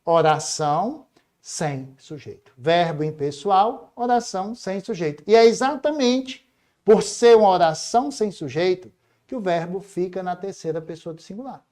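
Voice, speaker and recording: Middle-aged man, Brazilian accent, grammar teacher, slightly higher voice, lively, jokey, slow on example phrases. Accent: Brazilian Portuguese. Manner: animated, jokey, stresses example phrases slowly. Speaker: Portuguese teacher. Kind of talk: exam-prep grammar lesson.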